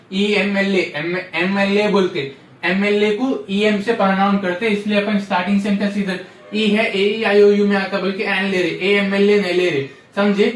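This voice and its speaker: A man teaching a grammar lesson, repeating rules and checking often that students understand. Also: sits high. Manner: repetitive, drills rules with frequent "samjhe?" check-ins. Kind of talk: classroom-style grammar lesson. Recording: echoey room, voice from a distance.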